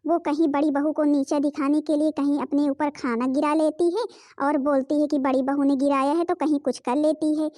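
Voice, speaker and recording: A woman's voice: sits high, level tone, moderate pace, dark tone, no echo, studio quality, lightly acted. A woman voicing a middle-aged mother-in-law in a cartoon, soothing and reasoning. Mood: concerned.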